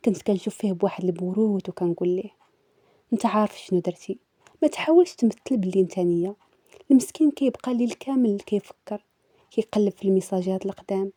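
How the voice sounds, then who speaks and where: A woman's voice: medium pitch, mellow, dry recording, clean studio sound. A woman with a Moroccan accent narrating a first-person confession story in a dramatic, brooding way.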